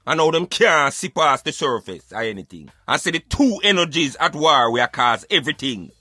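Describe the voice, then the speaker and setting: A Jamaican radio show host talks in thick Patois with a fairly high, bright voice. He's emphatic and argumentative, preaching his views like a talk show commentator. The recording is close and dry, with music underneath.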